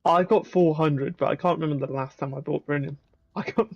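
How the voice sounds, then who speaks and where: A man's voice: a little high, steady tone, brisk, no room sound, lo-fi sound. A man with a South Wales Valleys accent in casual, sweary, joking banter. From Caerphilly, Wales. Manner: sweary, joking, laughs often.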